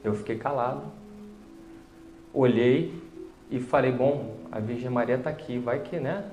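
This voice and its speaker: A man with a Brazilian Portuguese accent telling a personal faith story in a lively conversational way, acting out the dialogue as he goes. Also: medium pitch, a little slow. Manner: conversational, animated retelling with quoted dialogue. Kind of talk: storytelling testimony. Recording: roomy echo.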